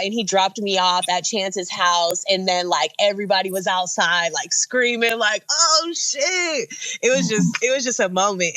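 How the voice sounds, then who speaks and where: Animated slang-heavy woman rapper. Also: mid-range voice. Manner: animated, slangy, swears freely. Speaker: rapper guest. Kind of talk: casual storytelling chat.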